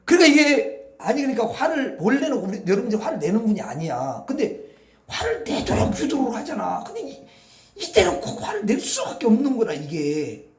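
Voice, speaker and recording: Male pastor, sermon, questions to the congregation, swooping lively delivery. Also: very high-pitched, fairly quick, roomy sound. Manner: preaching, asks the congregation questions. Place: church hall.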